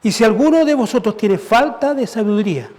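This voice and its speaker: A man's voice: high voice, expressive, brisk, a little mellow. A man preaching as pastor, conversational and asking rhetorical questions. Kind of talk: sermon. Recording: church service.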